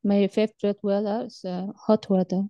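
A woman from Somalia answers test questions in short, halting sentences, her voice flat and mellow. The sound is dry and slightly dull. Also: medium pitch, dry recording. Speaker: test candidate. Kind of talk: mock exam answers.

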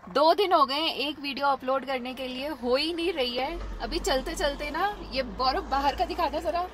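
Chatty woman vlogging outdoors, high voice, lots of noise behind her. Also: moderate pace, a bit bright. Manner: chatty, mixes English into Hindi, laughs often. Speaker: travel vlogger. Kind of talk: casual travel vlog. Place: outdoors in a mountain town. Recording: noisy outdoor background.

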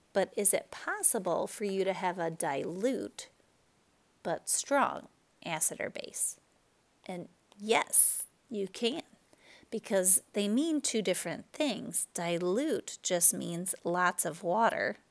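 A woman chemistry teacher giving a relaxed recorded lecture, explaining with fillers and self-corrections. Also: lowish voice.

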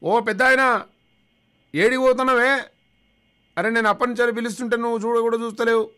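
Brash young man, put on by a male host, yelling high and loud. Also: fairly even intonation, fairly quick, clear, resonant tone. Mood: shouting, impatient. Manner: brash, shouting.

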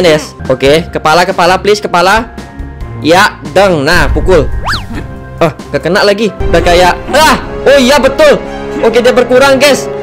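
A man giving excitable let's-play commentary as a gaming channel host, yelping and shouting at the game as he plays. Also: sits high. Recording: game music playing behind.

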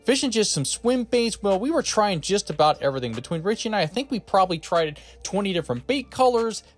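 A man's voice: sits high, fast. A man in his thirties hosting a fishing vlog, narrating upbeat and whooping when he lands a fish. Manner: upbeat, excited whoops on catches. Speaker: fishing vlogger. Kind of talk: voice-over narration and live reactions. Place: small fishing boat on a river outdoors.

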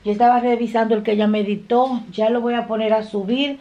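A woman's voice: fairly high pitch, fairly even intonation, quick pace, dark tone, no room sound, highs cut off. A woman vlogger chatting casually to her viewers from inside a car, laughing often, recorded on a phone. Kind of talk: casual chat to camera. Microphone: phone camera.

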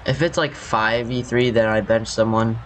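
Young guy, scratchy just-woke-up voice, mid pitch, rambling gameplay commentary, faint background hiss. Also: steady tone, normal speed, a bit bright. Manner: rambling, self-correcting, apologetic. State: scratchy morning voice. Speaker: gaming youtuber.

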